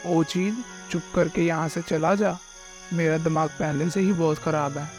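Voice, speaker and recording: A man voicing a scheming, hot-tempered male thief bird who is a father, in a gruff, threatening manner. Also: fairly high pitch, steady tone, a little slow, darkish tone, natural voice. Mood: gruff scolding. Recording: faint music behind the voice.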